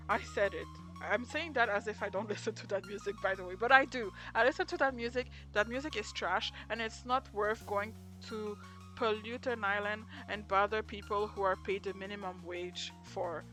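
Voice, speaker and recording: A woman's voice: medium pitch, fairly even intonation, moderate pace, sharp tone. A woman streaming live as she draws, ranting, swearing and laughing often. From Quebec. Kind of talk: casual livestream chat while drawing. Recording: music playing under the voice.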